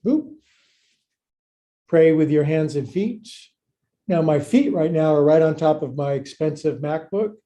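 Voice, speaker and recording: A man's voice: on the high side, a little slow, long pauses, warm tone. Playful middle-aged male yoga instructor, echoey room. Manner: playful, folksy, joking asides and silly sound words. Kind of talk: live-streamed exercise class instruction.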